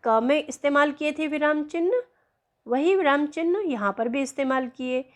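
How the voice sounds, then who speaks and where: Woman, teacher, slow, patient, worksheet lesson for children, slightly high voice.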